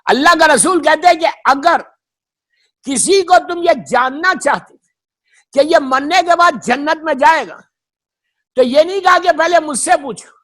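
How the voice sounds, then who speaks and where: A man preaching a fervent sermon, repeating his points, slipping into English phrases and often rising to shouts. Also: very high voice, long pauses. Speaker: Shia cleric giving a memorial majlis. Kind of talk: impassioned sermon.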